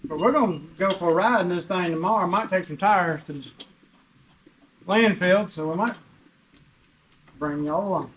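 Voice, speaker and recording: Folksy man, high voice. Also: moderate pace, pauses often, a bit bright, slight background noise, low-quality recording. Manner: folksy, joking, gives practical tips. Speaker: custom shop owner, co-host. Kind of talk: casual shop vlog talk. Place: auto shop garage.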